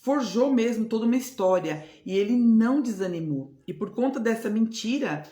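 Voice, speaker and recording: A woman's voice: on the high side, animated, normal speed, warm tone. A woman with a Brazilian Portuguese accent, a spiritual mentor giving a devotional teaching talk in an earnest, repetitive way, often checking in with tag questions. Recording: roomy echo.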